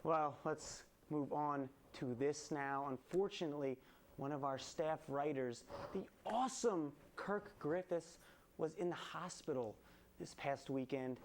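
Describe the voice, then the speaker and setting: A man's voice: fairly high pitch, darkish tone. Male late-night host, twenties, punchy topical joke delivery, studio stage monologue. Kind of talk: comedy monologue with topical jokes. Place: student TV studio with painted skyline set.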